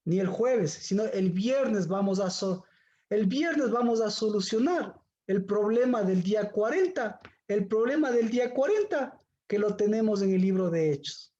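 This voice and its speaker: A woman's voice: on the high side, dark tone, dull audio. A woman giving a Bible teaching, firing rhetorical questions at her listeners.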